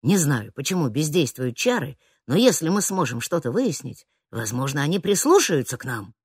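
A woman voicing a serious, cautious teenage boy who talks tersely in a lowered voice. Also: sing-song, moderate pace, breathy edge, dry recording, studio quality, full character voice. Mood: grumbling.

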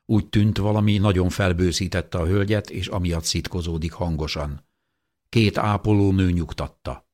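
A man reading an audiobook with steady, measured narration. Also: deep voice. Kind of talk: scripted narration.

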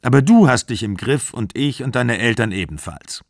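A man reading an audiobook, voicing a calm older man who answers in a measured, reassuring way. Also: medium pitch, creaky, no echo, clean studio sound.

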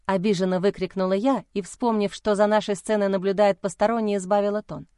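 A woman's voice: medium pitch, fairly even intonation, fairly quick, mellow, smooth, dry recording. Woman narrating a novel, dry close sound. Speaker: audiobook narrator. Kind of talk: first-person novel narration.

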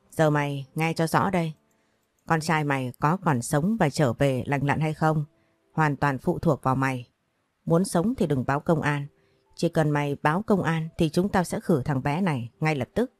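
A woman reads a cold male kidnapper in an audio story, sharp and threatening. His voice is low and dark, as the narrator puts him on. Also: normal speed, no room sound, soft background music. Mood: menacing.

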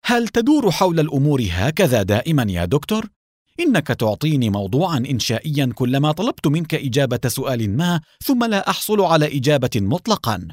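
A man's voice: on the low side, big pitch swings, fairly quick, darkish tone, no echo, clean studio sound. A man reading a story aloud and voicing an angry young police captain who talks sharply and defiantly.

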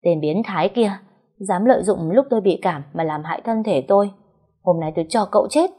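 A woman voicing a brash, hot-tempered young wife who shouts and wails shrilly. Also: on the low side, a little fast, breathy edge. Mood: furious.

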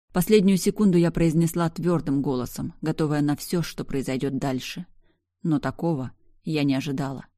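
A woman's voice: low-pitched, mellow, no room sound, studio quality. A woman narrating a first-person story in an intense, dramatic reading.

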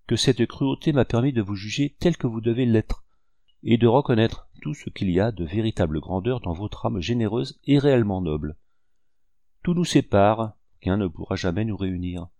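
A man reading a novel aloud and voicing a gracious young woman of standing, speaking gently. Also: on the low side, no echo. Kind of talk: audiobook reading.

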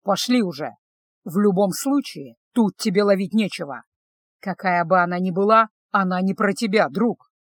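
A man's voice: sits high, normal speed, a bit bright, dry recording, studio quality. A woman voicing a stern, blunt male commander who barks curt orders. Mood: gruff.

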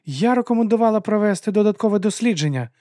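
A man's voice: sits high, very animated, fast, dark tone, dry recording, clean studio sound, voice pushed up. A man voicing a cold, inhuman lady who speaks in a hiss. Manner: cold, hissing.

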